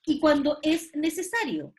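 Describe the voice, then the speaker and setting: A woman, voice sitting a bit high, lectures a class over a video call. She explains step by step and keeps checking that her students follow along. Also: big pitch swings, measured pace, slight background noise. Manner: explanatory, checks understanding with "¿cierto?" and "¿ya?". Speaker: teacher.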